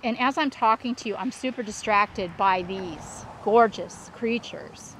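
A woman hosting a casual walk-through vlog, talking in an excited, gushing, exclamatory way. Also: medium pitch, a little slow, rough recording. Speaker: landscape designer hosting a plant tour. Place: outdoors at a plant nursery. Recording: outdoor ambient and vehicle noise.

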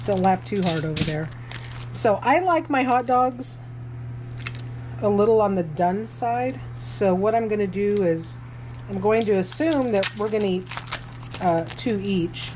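Cooking in her home kitchen and filming with a handheld phone, a woman vlogger walks through a recipe step by step, chatty and self-narrating throughout. Her mid-range voice has lively intonation and a measured pace, with background noise in this casual cooking demonstration.

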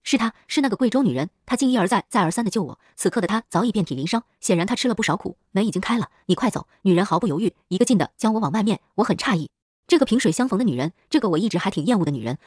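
A woman narrating a horror story in a rapid, dramatic storytelling manner, close to the mic. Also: medium pitch, a little mellow, slightly rough, no room sound. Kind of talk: fast scripted story narration.

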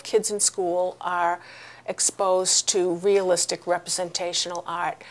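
A middle-aged woman, a high school art teacher, speaking earnestly into a handheld mic in an interview. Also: level tone, measured pace. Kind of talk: interview comment. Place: art gallery indoors.

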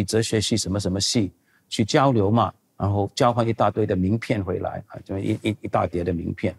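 Husky older man, pastor answering questions. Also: on the low side, darkish tone. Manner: conversational, digressive, emphatic. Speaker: pastor and seminary teacher.

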